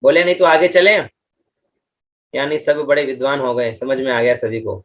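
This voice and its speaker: A middle-aged man teaching Vedic chanting, drawing out each syllable and patiently repeating checks to his class. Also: fairly even intonation. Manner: slow, drawn-out chanting of mantra syllables with pitch-accent explanations; patient, repeats "ठीक है" and "है ना" often. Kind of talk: online class lesson.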